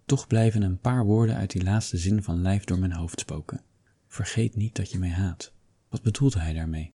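A man reading a first-person novel aloud in a calm, steady storytelling manner. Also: low voice, no room sound. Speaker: audiobook reader.

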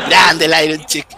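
A man's voice: a little high, very noisy. A man with a Chilean accent doing casual wrestling commentary in a slangy, jokey, enthusiastic fan's way. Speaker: wrestling commentator, podcast host.

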